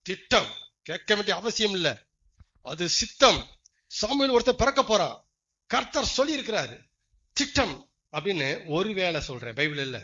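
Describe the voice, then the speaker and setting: High-voiced emphatic male preacher, dull recording. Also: sing-song, moderate pace, pauses often. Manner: emphatic, swings from low asides to loud stressed phrases; questions the congregation often. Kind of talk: sermon.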